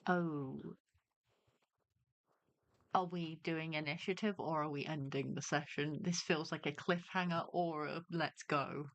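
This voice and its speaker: A woman's voice: low-pitched, fairly even intonation, measured pace. A woman chatting casually as a player in a tabletop game, with reactive, exclamatory interjections. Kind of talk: casual chat.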